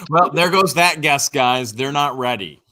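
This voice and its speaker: Guy cohosting a livestream, bright punchy voice, goofy and joking, reads chat guesses. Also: a little high, animated, a little slow. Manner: joking, playful, reads viewer guesses aloud. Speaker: co-host of a live stream. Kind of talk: casual live-stream chat.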